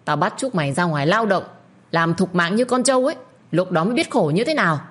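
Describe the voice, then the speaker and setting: A woman voicing a violent older lord in an audio story, hissing and ranting loud threats. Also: on the low side, sing-song, fairly quick, breathy edge, exaggerated voice. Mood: enraged. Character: older male lord, violent, enraged, ruthless.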